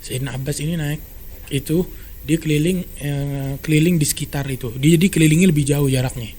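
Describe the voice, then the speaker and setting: Brisk, animated man. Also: fairly high pitch, slight background noise. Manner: brisk, animated retelling with quoted dialogue. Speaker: storyteller guest. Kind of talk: casual podcast storytelling.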